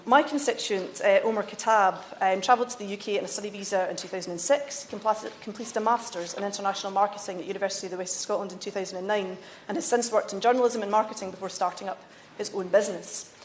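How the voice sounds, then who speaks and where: Fast-talking woman making an earnest parliamentary speech. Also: mid-range voice, fairly even intonation, roomy sound, slight background noise. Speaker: member of parliament leading a debate. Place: debating chamber.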